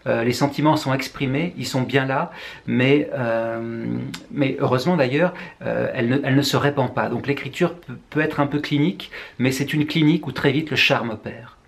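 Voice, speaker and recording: A man's voice: mid-range voice, normal speed, creaky. A French man, a writer, musing through a book review with wry asides. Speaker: writer presenting books.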